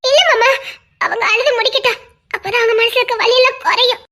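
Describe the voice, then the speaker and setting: Super high quick young woman doing a tirunelveli girl nagging her uncle to hurry. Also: fairly even intonation, bright, forceful tone. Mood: urging. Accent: Tirunelveli Tamil. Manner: urging, insistent.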